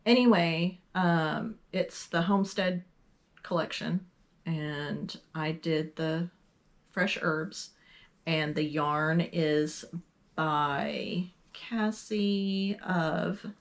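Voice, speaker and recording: A woman from Texas co-hosts a relaxed podcast, speaking at an unhurried, drawn-out pace. Her voice sits somewhat low, and she often pauses with ums and loses her thread. The talk is easy, friendly chat. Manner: slow, chatty, trailing off with ums. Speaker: podcast co-host. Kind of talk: casual knitting podcast chat.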